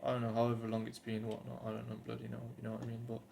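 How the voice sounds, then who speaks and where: This vlogger from the UK, in his twenties, speaks rapid-fire in a mid-range voice that is monotone, creaky, and mellow. His talk to camera is casual and earnest, though hesitant and rambling, over faint background noise.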